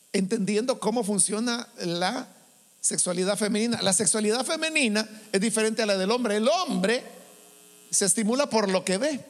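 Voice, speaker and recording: A man preaches in a high voice that leaps up and down, firing rhetorical questions at his congregation and slipping into the voices he quotes. His sermon rings with a long hall reverb, and a low mains hum runs underneath. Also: a bit bright.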